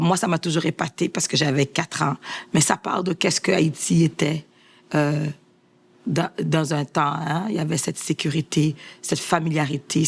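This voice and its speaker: A young adult woman, performing a folk tale in a lively, sing-song way with chanted refrains. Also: low-pitched, gravelly, breathy edge. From Haiti. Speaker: storyteller. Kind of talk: storytelling performance.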